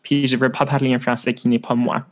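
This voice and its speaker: A man, explaining things in a relaxed way and dropping English words into his talk. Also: mid-range voice, brisk. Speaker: podcast co-host guest. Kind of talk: casual interview chat.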